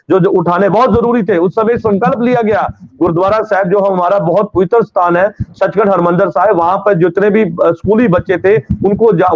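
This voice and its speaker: A man anchoring a TV news debate, brisk and firm, steering panelists along. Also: high voice, highs cut off.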